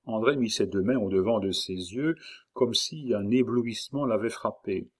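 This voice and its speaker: A man narrating a classic novel as an audiobook in a measured, expressive storytelling manner. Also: fairly low pitch.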